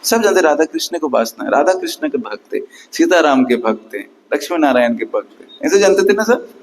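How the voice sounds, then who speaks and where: A little high and a little fast, with lively intonation, a preacher's voice leads a Sunday class sermon on a low-quality recording. He presses listeners with rhetorical questions, speaks emphatically, and counts and chants aloud at times.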